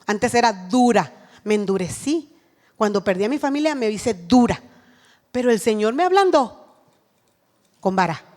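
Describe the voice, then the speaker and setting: A woman's voice: on the high side, lively intonation, normal speed, pauses often, a little mellow, big-room sound. A woman giving an earnest sermon at a women's church retreat, acting out what a mother says to her child.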